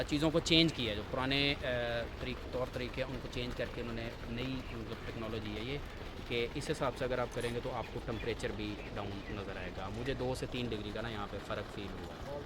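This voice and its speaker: Agri expert guy being interviewed outside, lots of umms, noisy background. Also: medium pitch. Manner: explanatory, many hesitation fillers. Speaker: visiting agriculturist guest. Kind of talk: casual interview answers. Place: outdoors on a farm. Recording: outdoor recording with clear background noise.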